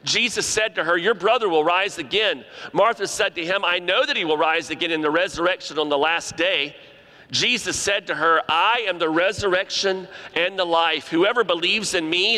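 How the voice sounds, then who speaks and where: A man's voice: a little high, bright, forceful tone. A man delivering a sermon, emphatic and repeating key phrases for stress. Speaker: preacher. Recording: reverberant hall.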